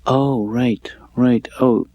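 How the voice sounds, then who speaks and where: Cast: cartoon therapist, mild and deadpan, even mid voice. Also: male voice, mid-range voice, extremely slow, dry recording. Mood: dry. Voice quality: soft-spoken, dry deadpan. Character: mild, deadpan middle-aged male therapist.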